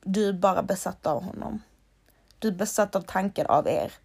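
Blunt, swearing young woman with a gravelly edge. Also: medium pitch, darkish tone. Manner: blunt, emphatic, swears freely, repeats for emphasis. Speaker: advice-giver. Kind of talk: heartfelt direct-to-camera advice.

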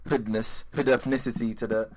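Young podcast host, teasing. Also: male voice, medium pitch, flat delivery, a little fast. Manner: teasing, laughs along, casual slang. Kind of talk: casual comedy podcast banter.

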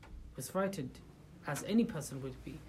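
Animated and mellow, a mid-range voice at normal speed leads a small gathering in an informal religious talk inside a room. The leader asks rhetorical questions and repeatedly restarts sentences, with a little hiss or hum in the audio.

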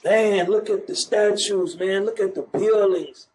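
His voice is high and slightly mellow, with fairly even intonation and a measured pace, though the audio is poor. Out on the street he preaches, scoffs at churchgoers, and calls for the next verse to be read.

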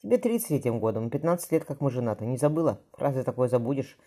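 A reader voicing a young husband who speaks calmly and teases his wife gently. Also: a bass voice, quick pace. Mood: tender. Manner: gently teasing, calm. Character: young noble merchant-agent, teasing loving husband.

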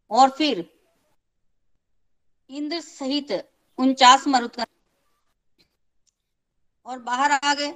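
A woman's voice: fairly high pitch, poor audio. A woman retelling a scripture story in a casual, conversational way, repeating phrases for emphasis, speaking to her listeners and mixing in English words.

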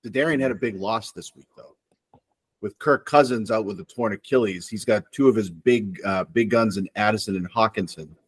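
A low-voiced man chatting with friends on a podcast. He rambles through long stretches of analysis without pausing for others. The sound is close and dry. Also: husky, dry recording. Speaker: podcast co-host. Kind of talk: casual chat among friends.

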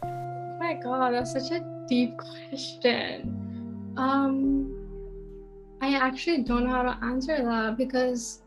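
A woman's voice: high-pitched, fairly even intonation, slow pace, over music. A young woman, a university student and magazine design editor, talking casually and saying like a lot. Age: young adult. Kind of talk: casual chat.

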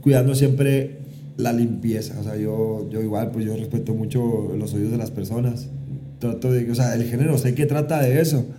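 A man's voice: medium pitch, fairly even intonation, normal speed, noisy background. A man, a musician guest on a casual podcast, speaking in an earnest, drawling way as he explains at length. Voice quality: drawling delivery.

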